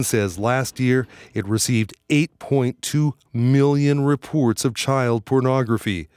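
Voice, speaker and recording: Male TV reporter, mid-pitched, measured scripted narration. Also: a little mellow. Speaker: news reporter.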